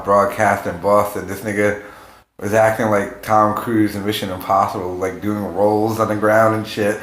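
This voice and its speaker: A man's voice: lowish voice, a bit bright. A man chatting casually and profanely as a livestream host, rambling and jumping from topic to topic. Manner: rambling, jumps between topics. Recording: roomy, echoing room sound.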